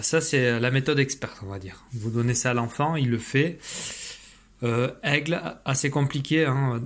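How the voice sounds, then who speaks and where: Man, teacher, explaining to parents, patient, fillers and restarts. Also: medium pitch.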